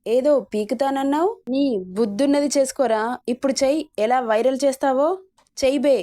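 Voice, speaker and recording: A woman's voice: high-pitched, moderate pace, dark tone, dry recording, clean studio sound, close to an everyday voice. A woman voicing a vengeful young man who taunts and threatens his captive in a read-aloud story. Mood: taunting menace. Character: vengeful young man, hero, cold and menacing.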